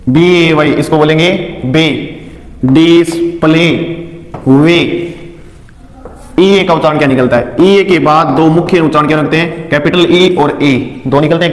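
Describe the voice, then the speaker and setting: A man teaching English vowel sounds in a phonics lesson, asking questions and answering them himself, spelling words out slowly letter by letter. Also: a little high, fairly even intonation. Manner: asks and answers his own questions. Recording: echoey room with long reverb.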